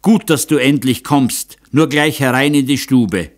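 A man voicing a distraught noble count, speaking in urgent, sharp commands. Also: medium pitch, measured pace, voice pushed up, lightly acted. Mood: hurried.

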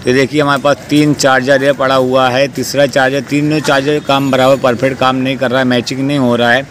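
A man's voice: medium pitch, little pitch movement, fairly quick, a bit bright. A man working as a mechanic, giving a hands-on repair tutorial outdoors in plain, repetitive speech with many fillers. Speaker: motorcycle mechanic. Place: outdoor street repair spot. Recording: noisy outdoor street recording.

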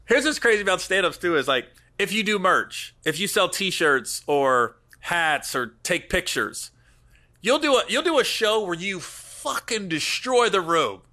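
A man's voice: high voice, big pitch swings, a little slow, pushed and bright. A male comedian hosting a podcast, chatting casually, laughing easily and agreeing often.

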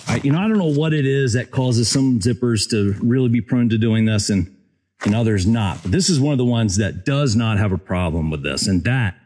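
This outdoor gear reviewer, a man in his forties, holds an action camera at arm's length while walking a wooded trail and chatting about a hiking backpack. His voice is medium-pitched, with slight background noise in the recording. The vlog is easygoing and conversational, filled with fillers.

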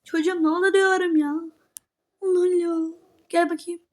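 A woman's voice: extremely high pitch, flat delivery, moderate pace, a little mellow. A woman voicing a fussy, exasperated woman schoolteacher who scolds the class.

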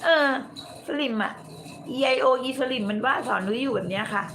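A woman's voice: a little high, brisk, creaky, noisy background. A woman from southern Thailand with a mix of Southern and Bangkok Thai accents, chatting on a late-night livestream with fans in a blunt, coarse-tongued way. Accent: Southern Thai mixed with Bangkok Thai. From Nakhon Si Thammarat, southern Thailand. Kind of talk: casual late-night live chat. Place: indoors in a room.

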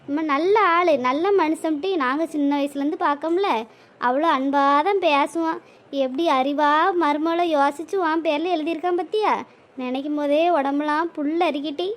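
A woman's voice: high-pitched, moderate pace. A woman voicing a bossy neighbour who reassures and scolds her friend. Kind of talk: cartoon voice acting.

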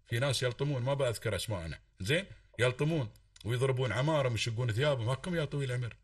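A man's voice: medium pitch, racing, recorded from a distance. A man with an Emirati Arabic accent speaks at a breakneck pace, pressing his point with one oath after another. He sounds set back from the microphone, in a dry space with no echo. His tone is a fervent call-in lecture. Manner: fervent, swears oaths, lectures emphatically. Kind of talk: impassioned call-in talk.

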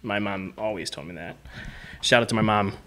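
A man's voice: lowish voice, brisk, a bit bright. A young man, a youth leader, co-hosting a podcast with goofy jokes and playful bro talk. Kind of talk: casual comedic chat.

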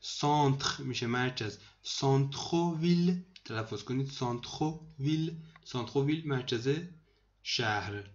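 A man teaching vocabulary to students in a screen lesson, repeating each word slowly and explaining it. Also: medium pitch, dull audio. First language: Persian. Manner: repeats words slowly, addresses students as kids. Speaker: language teacher.

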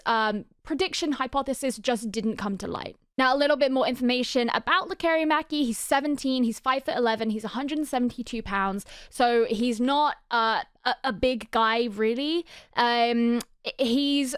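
A woman's voice: fairly high pitch, clear, resonant tone, dry recording, studio quality. A young woman talking casually through hockey draft picks, reading out stats and riffing on them with lots of ums and restarts. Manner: chatty, many fillers and restarts, reads stats then riffs. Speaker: hockey video creator. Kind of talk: casual sports analysis.

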